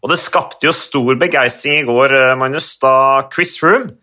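Bright-voiced man hosting a podcast. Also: medium pitch. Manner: hesitant, many fillers and restarts, reads from notes. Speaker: podcast host. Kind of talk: casual cycling podcast chat.

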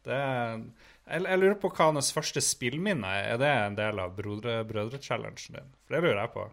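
A man's voice: mid-range voice, lively intonation, gravelly, fairly bright tone. A man co-hosting a show, chatting casually. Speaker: co-host. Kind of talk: casual chat.

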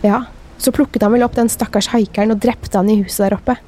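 A matter-of-fact male police officer summing up a case, voiced by a woman in her own soft, fairly high voice. Plain spoken-story delivery. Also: steady tone, lightly acted.

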